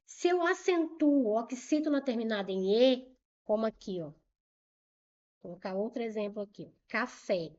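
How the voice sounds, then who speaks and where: A woman's voice: a little high, a little mellow, lo-fi sound. A woman with a Brazilian Portuguese accent teaching a grammar lesson for exam prep, patiently repeating rules and asking and answering her own questions.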